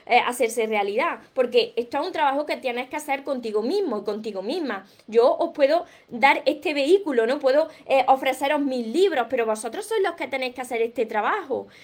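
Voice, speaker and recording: A woman with a Peninsular Spanish accent hosting a live stream, answering viewers with earnest encouragement and often clearing her throat. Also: high voice, expressive, fairly quick, hardly any pauses. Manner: earnest, encouraging, reads viewer comments aloud. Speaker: livestream host, self-help speaker. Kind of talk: live Q&A, motivational talk.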